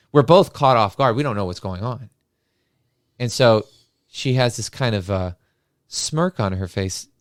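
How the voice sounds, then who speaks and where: A low-pitched man tells a story in a casual, animated way, full of hesitations and fillers. His voice is smooth and resonant. It is recorded close and dry, with no room sound. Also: no echo. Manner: animated anecdote-telling with many filler sounds. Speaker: podcast host and classroom paraprofessional.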